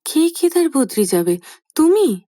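A woman voicing an elderly mother in a storybook reading, speaking slowly and hesitantly with a quiet pleading tone. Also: a little high, big pitch swings, no room sound, clean studio sound. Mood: wistful. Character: elderly widowed mother, wistful and startled. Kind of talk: audiobook character voice.

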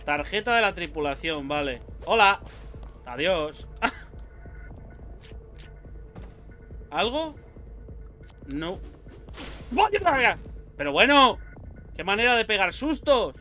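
Playing a horror game for his let's play, a young Spanish YouTuber speaks slowly with long pauses in a high, sing-song, bright voice that turns forceful. He's jumpy, swearing and yelping when startled, over soft background music.

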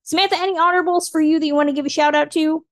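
A woman co-hosting a podcast, recommending things in a relaxed, upbeat chat. Her voice sits a little high, and she sounds friendly and keen. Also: rapid-fire, no room sound. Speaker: podcast co-host. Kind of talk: casual chat.

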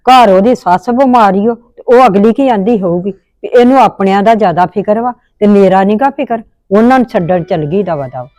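A woman's voice: mid-range voice, normal speed, dark tone, no echo. A woman with a Punjabi accent acting a scolding, indignant mother-in-law in a family drama.

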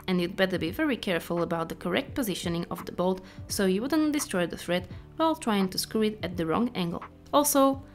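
Woman, scripted narration, product review, mid-range pitch, faint background music.

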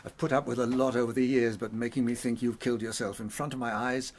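A man with an English accent acting in a radio drama as a loyal, blustery, exasperated gentleman doctor. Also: medium pitch, little pitch movement, quick pace, lightly acted. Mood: indignant.

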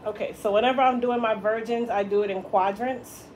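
A woman's voice: on the high side, fairly even intonation, brisk, a little mellow, slight background noise, low-quality recording. A woman hair stylist chatting casually as she explains her work in a small salon, laughing at viewer comments. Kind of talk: casual salon tutorial livestream.

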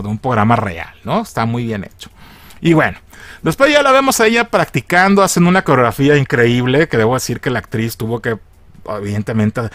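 A man with a Mexican Spanish accent casually recapping a film's plot as a reviewer, in a slangy, profane and animated storytelling manner. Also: mid-range voice, no room sound. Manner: animated, jumpy delivery. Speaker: film reviewer.

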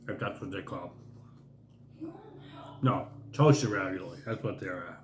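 A man's voice: low-pitched, lively intonation, a little slow, a little hiss or hum. A man reviewing a snack in a casual food video, talking while chewing and searching for his words. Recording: roomy echo with music behind.

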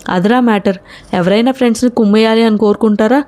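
A woman voicing a hot-headed young college man who talks in a gruff, threatening way. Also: on the high side, fast, mellow, lightly acted. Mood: angry.

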